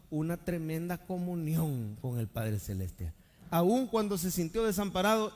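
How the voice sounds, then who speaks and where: A male pastor, preaching live to his congregation in a high, ringing voice. He swings between loud calls and hushed, intimate lines, asking the people for amens. His voice trails off into a long church-hall reverb. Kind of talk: live sermon. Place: church sanctuary during a live service.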